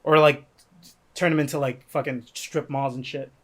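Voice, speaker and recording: A man's voice: mid-range voice, fairly even intonation, normal speed. A man with a slight lisp, hosting a casual podcast chat and reading out movie descriptions for a guessing game. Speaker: podcast host running a game.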